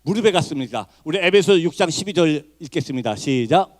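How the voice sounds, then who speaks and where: A middle-aged male missionary preaches a sermon with a high-pitched voice. He moves from hushed, intimate passages to fervent shouts. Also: lively intonation, brisk. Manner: impassioned, swings from hushed to shouting.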